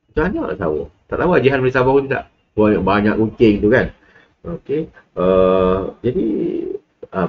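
A man's voice: on the low side, highs cut off, slight background noise. A man with a Malaysian accent lecturing a class in a casual, rambling way, full of fillers and asides. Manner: rambling, with many fillers and laughs.

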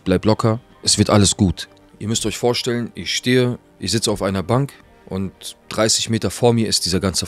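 A man recounting a personal tragedy in blunt, colloquial street talk, with restarts, speaking straight to his listeners. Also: low voice. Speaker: interviewee recounting his brother's killing. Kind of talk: emotional first-person account.

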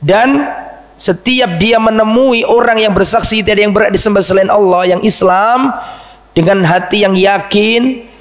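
A man's voice: high-pitched, measured pace. A man giving a storytelling religious lesson, quoting Arabic and explaining it, and asking his audience questions. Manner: recites Arabic phrases then explains them in Indonesian; lively storyteller who asks the audience questions. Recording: echoey hall with long reverb.

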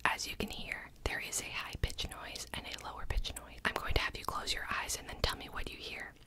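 Young woman doing fast asmr whispered role-play, brisk little instructions as an examiner, right up on the mic. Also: sharp tone. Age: young adult. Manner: fast, brisk, clipped instructions with repeated short words. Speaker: ASMR creator playing a cranial nerve examiner. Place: small indoor home room. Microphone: large microphone close in front of the mouth.

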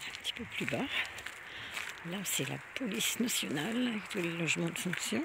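A woman talks casually while walking outdoors, filming with a handheld camera. Her voice has a gravelly edge and swoops lively up and down. Outdoor noise and a barking dog are clear behind her. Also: moderate pace. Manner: chatty, exclaiming, talks to a dog in a high coaxing voice. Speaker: nature vlogger. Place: outdoors, walking through a small village. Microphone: handheld camera she films and zooms with. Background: dog barking, outdoor ambience.

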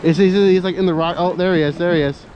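Young man, slightly high voice, chatty and excited, outdoor body cam with steady wind and water noise. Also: fast, lo-fi sound. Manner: excited, joking, short instructions. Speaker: angler filming his fishing trip. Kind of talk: casual chat while fishing at night. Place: outdoors on a lake pier at night.

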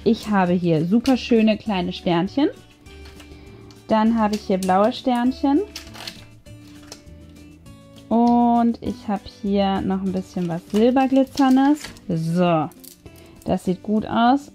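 Speaking slowly with long pauses, this woman has a mid-range, dark-toned voice. She hosts a craft video and talks casually through her tutorial, thinking aloud, with music in the background.

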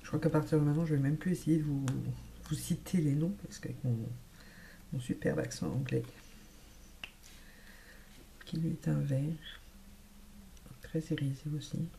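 A woman's voice: deep voice, fairly even intonation, normal speed, vocal fry, pauses often, dark tone, slight background noise. A woman vlogger chatting casually about the makeup she bought, half-whispering some words. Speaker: beauty vlogger. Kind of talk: casual makeup haul chat. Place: home room with lights.

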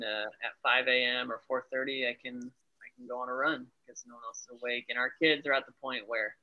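A young adult man, an Air Force family medicine resident, chatting in an upbeat way and laughing easily over a video call. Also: medium pitch. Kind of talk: casual video-call interview. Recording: dull video-call audio.

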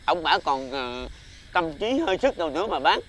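A man's voice: on the high side, very animated, normal speed, vocal fry, a bit bright, a little hiss or hum, heavily acted. A man playing a brusque, mocking incense seller in a TV fairy-tale drama.

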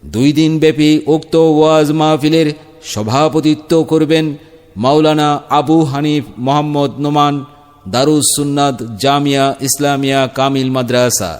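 A man reading a formal event announcement as if over a public loudspeaker, in a measured public-address delivery. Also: fairly high pitch, steady tone, clear, resonant tone. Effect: announcement sounding through a loudspeaker with long reverb.

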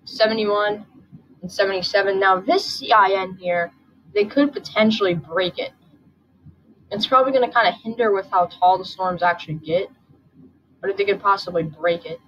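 A woman's voice: mid-range voice, fairly even intonation, moderate pace, a little hiss or hum. A woman with a sore throat, just woken up, hosting a casual weather forecast and thinking aloud as she goes. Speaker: channel host. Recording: dull lo-fi recording with soft background music.

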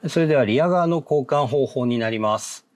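Calm man narrating a step-by-step install. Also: mid-range voice, a little hiss or hum. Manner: polite, measured, repeats "hai" between steps. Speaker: product installation instructor.

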